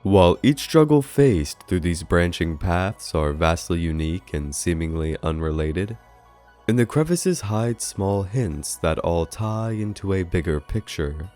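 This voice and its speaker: This video essay reviewer has a low, slightly mellow voice. He narrates a scripted review in an earnest, formal register, with music running under his words.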